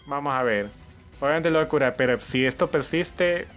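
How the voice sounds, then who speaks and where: A man's voice: medium pitch, moderate pace, a bit bright, faint music behind. A young man giving casual let's-play commentary as the host of a gaming channel, cheering his team on, thinking aloud and swearing often.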